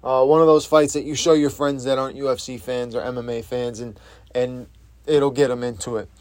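A man's voice: mid-range voice, fairly even intonation, fairly quick, darkish tone, no room sound. A man giving a casual, blunt and profane breakdown of a fight, full of slang and restarts. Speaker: MMA commentator.

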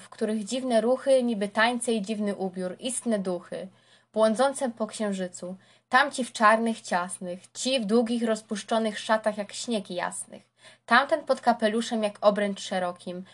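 Woman narrator, verse epic reading, measured rhythmic recitation, somewhat high pitch. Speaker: reader.

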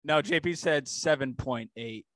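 A man's voice: on the high side, measured pace, a bit bright, dry recording. A man in his mid-twenties chatting casually on a podcast, laughing often and swearing as he retells stories. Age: 20s. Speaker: podcast co-host. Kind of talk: casual chat.

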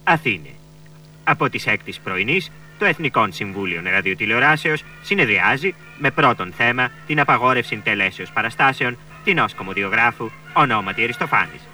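A man reads a mock-formal news bulletin in a stiff, old-fashioned manner, his voice very bright and sharp. He sounds set back from the mic, with faint music under him. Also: medium pitch, lively intonation, few pauses, far from the mic, rough recording. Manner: stiff, archaic formal delivery. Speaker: newsreader in a parody bulletin.

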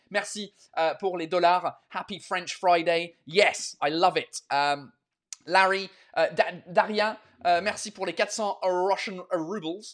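A man hosting a casual live stream in halting, word-searching French, often slipping into English as he reads out and answers viewer messages. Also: high-pitched, fairly bright tone. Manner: switches between French and English mid-speech.

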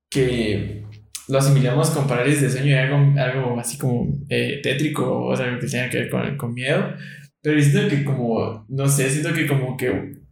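A man telling a personal story in casual chat, animated, laughing often and checking that his listener follows. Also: mid-range voice, vocal fry. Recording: very echoey room.

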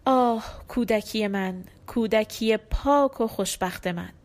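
A woman's voice: a little high, lightly acted. A woman reading the lines of a nostalgic aristocratic stage character in a wistful, declamatory way.

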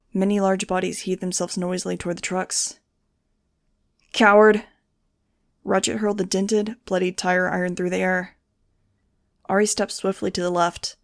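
A woman narrating a fan-fiction audiobook in a steady, even reading voice. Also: fairly low pitch, gravelly, no room sound, clean studio sound. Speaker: audiobook reader.

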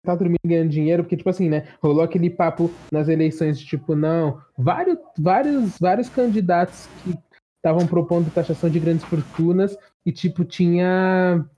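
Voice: medium pitch, brisk, mellow, slight background noise, low-quality recording. A speaker in a casual chat, slangy and laid-back.

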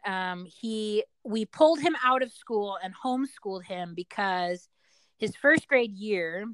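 A middle-aged woman, interviewed as a parent about her child, tells personal stories in conversation, talkative and explanatory and repeating words for emphasis. Her voice is medium-pitched with a fairly bright tone and no room sound.

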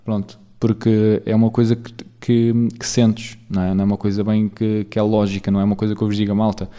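A man's voice: fairly low pitch, warm tone. A man from Portugal with a European Portuguese accent, hosting his own solo podcast in a casual rambling monologue full of fillers and tag questions. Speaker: podcast host.

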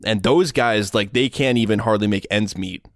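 A man with a low voice, easygoing and rambling, circling his point with filler words. He sounds dry and close to the mic, in casual podcast talk. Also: moderate pace, no room sound. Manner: relaxed, rambling, lots of likes and restarts. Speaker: podcast co-host.

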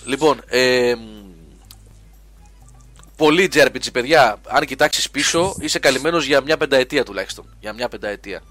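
A man co-hosting a casual podcast about video games, explaining at length with plenty of quick repeated yeses. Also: mid-range voice, a bit bright, soft background music. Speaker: gaming podcast co-host.

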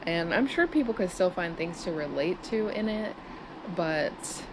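A woman in her thirties hosting a casual solo podcast, chatty and giggling nervously, recorded in low-quality audio in a small studio on a busy street. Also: lively intonation, a little slow. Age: 30s. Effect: low-quality audio with street noise. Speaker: podcast host. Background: traffic and air-conditioner hum.

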